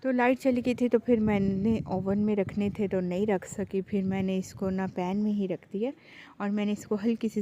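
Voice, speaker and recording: Chatty woman vlogger over loud background noise. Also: medium pitch, lo-fi sound. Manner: chatty, homely, deliberately slow and careful delivery. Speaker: cooking vlogger and mother. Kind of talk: casual voice-over narration of a cooking vlog.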